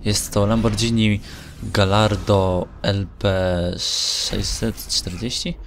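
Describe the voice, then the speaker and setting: Over background music and a little hiss or hum, a young gaming vlogger offers casual, unscripted commentary. His low voice is creaky and flat, he takes it slowly, and he rambles hesitantly, often correcting himself.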